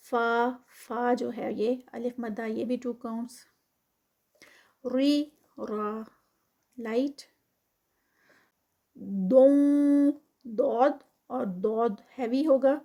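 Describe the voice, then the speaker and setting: High-pitched woman tajweed teacher; recites slowly, then explains briskly. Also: a little mellow. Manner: slow drawn-out recitation alternating with quick explanation.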